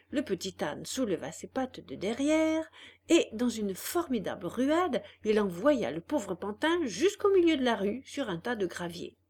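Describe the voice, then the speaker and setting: A woman narrating a children's story aloud in a lively, expressive reading. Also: medium pitch. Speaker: audiobook narrator.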